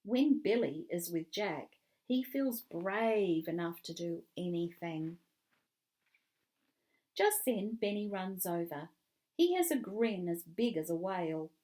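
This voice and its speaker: A woman reading a children's book aloud with clear, expressive storytelling. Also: fairly low pitch, slow. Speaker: reader.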